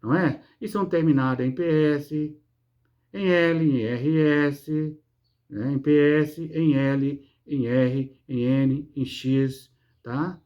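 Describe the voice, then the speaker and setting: A man's voice: mid-range voice, takes it slowly, a little mellow. A man teaching a lesson on word stress, explaining patiently, asking himself rhetorical questions and answering them, with frequent checking tags. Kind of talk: online class lesson.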